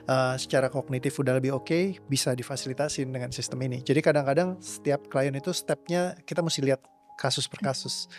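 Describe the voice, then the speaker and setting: Young man, casual rambling coach talk, mid pitch, faint music underneath. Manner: relaxed, rambling, mixes English words into speech. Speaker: trauma release coach. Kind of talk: casual interview answers.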